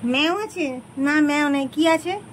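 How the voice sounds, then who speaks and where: Woman, very high voice, coaxing, teasing, repetitive questions, faint background hiss. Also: measured pace. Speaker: vlogger. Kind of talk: casual chat with a toddler.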